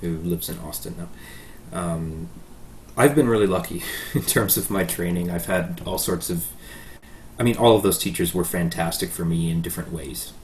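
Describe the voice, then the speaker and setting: A Canadian pianist in his thirties, appearing as a guest, answers interview questions about his life in a low voice at a moderate pace, hesitating often with plenty of ums and uhs. There's a little hiss or hum on the recording.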